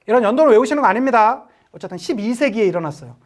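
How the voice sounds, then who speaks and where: A woman's voice: fairly high pitch, animated, rapid-fire. A woman teaching an exam-prep history lecture, chatty and joking, often acting out little quotes.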